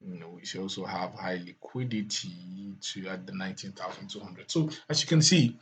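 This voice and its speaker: A man talking through market charts, repeating words often and filling pauses with "uh". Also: low voice, a little hiss or hum. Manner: repeats words, many fillers and restarts. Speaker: crypto market analyst. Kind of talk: chart analysis talk.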